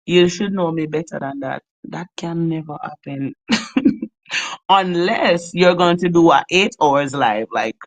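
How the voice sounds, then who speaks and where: A woman's voice: low voice, takes it slowly, no echo, low-quality recording. A woman hosting a live stream in casual chat, teasing her viewers and laughing often. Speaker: livestream host.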